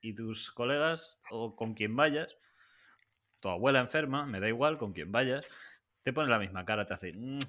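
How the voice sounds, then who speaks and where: Guy cohosting a podcast, teasing and rambling, bright forceful voice. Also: mid-range voice, moderate pace. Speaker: podcast co-host. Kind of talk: casual chat.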